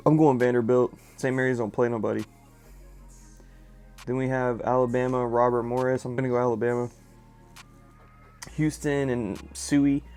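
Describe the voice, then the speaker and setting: A young man, casually running through his picks in a relaxed, repetitive vlog chat. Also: mid-range voice. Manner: laid-back, drawling, repeats himself, filler words. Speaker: fragrance vlogger.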